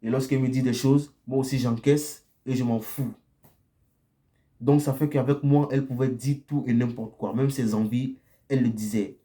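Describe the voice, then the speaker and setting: A young man speaks in a dark, mellow voice at an average pitch. He gives dating advice in a casual, blunt monologue, repeating his key phrases and often checking in with a quick "ok?". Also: steady tone. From Côte d'Ivoire. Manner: frequent tag "ok?" and repetitions, direct and blunt.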